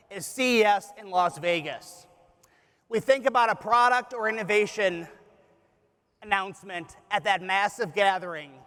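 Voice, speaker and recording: A man's voice: sits high, fairly bright tone. A man giving a scripted keynote presentation with a polished, upbeat corporate promotional delivery. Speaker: tourism executive giving a keynote speech. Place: large conference hall on stage. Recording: echoey large hall with audience.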